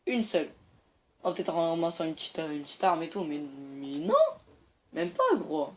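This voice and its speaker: A man's voice: a little high, normal speed, creaky. A teenage boy chatting in slang while he plays a shooter and comments on it. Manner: slangy, rambling, excitable. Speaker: gaming YouTuber. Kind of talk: casual gameplay commentary. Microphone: phone filming the screen. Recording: faint room noise, phone recording.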